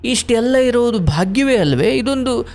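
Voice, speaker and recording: A man counselling a caller on a live spiritual call-in show, telling a story with rhetorical questions and gentle scolding. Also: very high-pitched, expressive, normal speed, soft background music.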